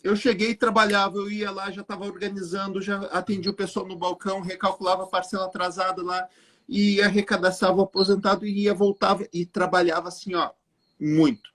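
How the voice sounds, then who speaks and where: A man, a guest telling an animated story straight to the viewers of a live chat. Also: high voice, a little fast. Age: 40s. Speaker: guest entrepreneur.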